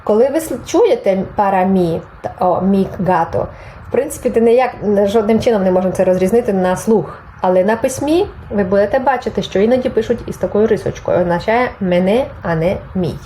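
Mellow-voiced woman teaching a language. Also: medium pitch, fairly quick, slight background noise, low-quality recording. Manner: explains patiently, reads Spanish examples aloud and translates them. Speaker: Spanish teacher. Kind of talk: online language lesson.

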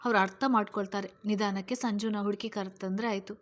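A calm young friend in a storybook, voiced by a woman narrator, soothing and reassuring. She talks quickly, and her tone stays even. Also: medium pitch, lightly acted. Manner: soothing, hurried.

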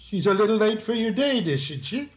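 A man's voice: high voice, big pitch swings, moderate pace. A man playing a kindly, paternal policeman in an old-time radio sitcom. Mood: suspicious, amused.

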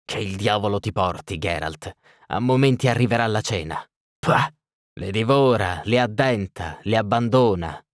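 A man's voice: on the low side, animated, moderate pace, dry recording, studio quality, natural voice. A man doing a bellowing, foul-mouthed burgomaster. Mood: disgusted. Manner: shouting, coarse, exasperated. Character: hot-tempered cursing middle-aged burgomaster.

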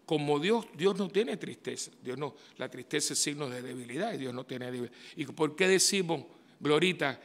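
A man, a priest giving a homily in a conversational way, full of rhetorical questions and sudden loud outbursts. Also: on the high side. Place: church. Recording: reverberant church hall.

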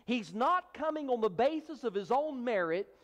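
In a church sanctuary with the sound of a large hall, a male pastor preaches emphatically in an extremely high voice with big pitch swings at normal speed. He acts out the crowd's voices, raising his own to mimic their hushing.

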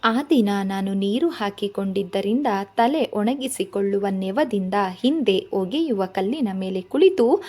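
A woman reading a novel aloud in measured first-person narration. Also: mid-range voice, a little mellow, husky. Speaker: storyteller.

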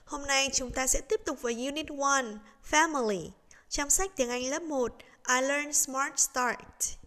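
A woman teaching English to young children, in a slow, patient lesson voice, breaking words into syllables in a sing-song way. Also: high-pitched, sharp tone, in a large hall.

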